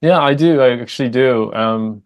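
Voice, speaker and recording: A male musician answers questions in a relaxed, meandering way. He often restarts his sentences and fills the gaps with "you know" and "like." His voice sits at a middling pitch with an everyday tone. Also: normal speed, clear, resonant tone. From Japan and the United States. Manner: rambling, many restarts and fillers, laughs easily. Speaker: guest musician. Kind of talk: casual interview answers.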